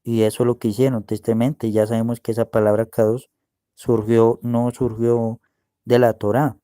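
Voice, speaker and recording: A man's voice: mid-range voice, level tone, warm tone, dry recording, clean studio sound. A man preaching and teaching Bible words to his listeners, walking them through a screen share and often asking if they can see. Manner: slow, explaining, asks "¿ve?" often.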